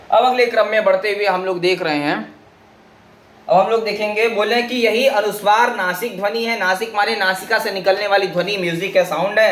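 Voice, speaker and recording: High-voiced man teaching, echoey room. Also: a bit bright. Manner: explains slowly, repeats words and spells them out. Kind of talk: classroom lesson.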